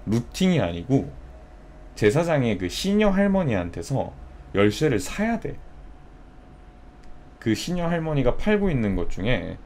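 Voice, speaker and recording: A man's voice: mid-range voice, big pitch swings, a little slow, long pauses, darkish tone, a little hiss or hum. A young man streaming, chatting casually and telling a story with acted-out quotes. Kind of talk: casual live-stream chat.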